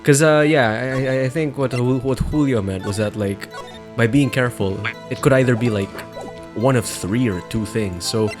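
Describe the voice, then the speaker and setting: A man hosting a let's play in casual gaming chat, animated and stammering. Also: medium pitch, normal speed, music in the background. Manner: animated, stammering, laughs often.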